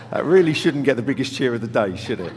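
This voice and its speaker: Man, slightly croaky voice, animated swooping intonation, conversational sermon, rhetorical questions, long hall reverb. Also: mid-range voice. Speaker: preacher. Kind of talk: sermon to a congregation. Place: large hall, speaking to a congregation.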